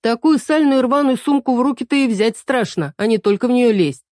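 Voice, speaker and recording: A prim, pedantic young man who corrects every word, voice mellow and dark, as a woman reader puts him on. Dry close sound. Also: on the high side, fairly quick, no room sound, voice pushed up, lightly acted. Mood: fussy. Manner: correcting, fussy.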